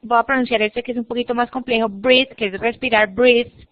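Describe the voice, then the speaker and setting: Slightly high in pitch, with fairly even intonation and a quick pace, this woman runs an online English lesson. She explains patiently in stages and models words for repetition; the recording, made through a computer mic on a video call, sounds muffled and dry.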